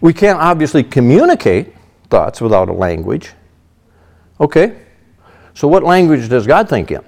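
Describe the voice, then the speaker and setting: A middle-aged pastor preaches from a Bible passage in a fairly high, sing-song voice that is gravelly and darkish. He talks at a normal speed, conversationally, relying on "you know" to carry his explanations.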